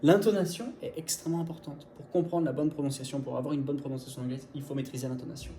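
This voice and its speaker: A man teaching English pronunciation in an online video lesson, speaking in a lively, informal way to the viewer and demonstrating English phrases. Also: fairly high pitch, fast talker. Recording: echoey room, faint background noise.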